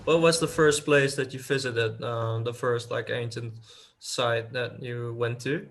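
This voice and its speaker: A man's voice: medium pitch, steady tone, unhurried. A man hosting a podcast interview, asking questions in a stumbling way with repeated words. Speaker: podcast host.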